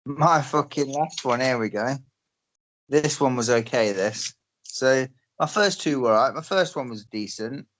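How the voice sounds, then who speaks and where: A man's voice: mid-range voice, measured pace, fairly bright tone. A man, a podcast co-host chatting casually, blunt and sweary. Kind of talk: casual chat.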